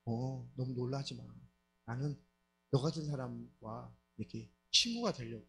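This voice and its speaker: A male pastor voicing a sweet-talking demon spirit that coaxes a lonely woman to befriend it, in a hushed, coaxing manner. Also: medium pitch, a little slow, creaky, slight background noise, voice pushed down.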